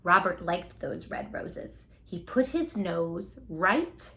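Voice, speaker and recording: Reading a picture book to young kids, this storytime host speaks effusively and addresses her little listeners directly. She has a fairly low, creaky voice with a fairly bright tone, and she reads slowly and expressively.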